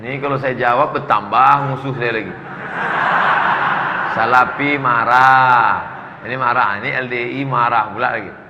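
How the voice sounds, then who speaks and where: A man's voice: medium pitch, fast talker, hardly any pauses, very noisy. A man preaching in a humorous question-and-answer sermon, reading out questions and answering with jokes. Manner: jokey, animated, reads questions aloud then answers. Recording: echoey hall, slightly dull sound.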